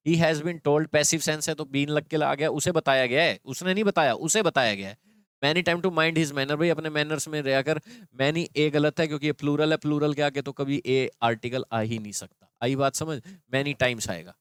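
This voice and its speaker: A man's voice: fairly high pitch, normal speed, hardly any pauses, clean tone, dry recording, clean studio sound. A man teaching an English grammar lesson, explaining patiently and quizzing his students.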